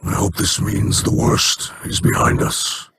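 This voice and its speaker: A male actor with a natural, fairly bright voice plays a solemn alien ally in a noisy game audio rip. His mood is grave, and he speaks in slow, formal, measured sentences.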